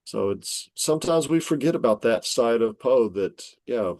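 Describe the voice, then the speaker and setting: Male podcast guest, mid pitch, storytelling explainer, dry close mic. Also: lively intonation, moderate pace, darkish tone, dry recording. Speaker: guest scholar. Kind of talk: podcast interview.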